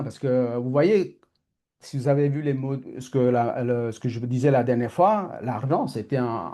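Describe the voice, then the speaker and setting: A man with an Italian accent tells a personal story to his students, quick and rambling, often correcting himself mid-sentence. His voice is mellow and warm, set in a middle register. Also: medium pitch. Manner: fast, rambling, self-correcting. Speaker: personal growth teacher. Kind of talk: candid storytelling talk.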